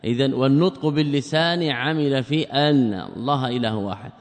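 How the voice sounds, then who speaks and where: A man's voice: medium pitch, fairly quick. A man teaching a classical religious lesson as a sheikh, asking his students questions, answering them himself and reciting grammar verses from memory. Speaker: sheikh teaching a creed commentary. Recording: long hall reverb.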